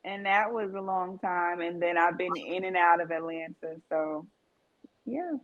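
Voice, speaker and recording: A woman in a casual interview chat, soft-spoken and agreeable. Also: lowish voice, fairly even intonation, a little slow. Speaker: interview participant. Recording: dull lo-fi audio.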